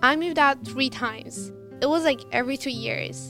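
Teenage girl, from Iraq, casual chatty talk, high pitch, guitar audible. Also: moderate pace, fairly bright tone. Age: teens. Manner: casual, many "like" fillers. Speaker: student interviewee. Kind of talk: interview testimony.

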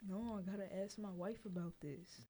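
A woman's voice: mid-range voice, fairly even intonation, normal speed, a crowd in the background, natural voice. A woman voicing a stern merman king who defers to his wife, in improvised comedy. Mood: imperious. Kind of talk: improvised comedy role-play.

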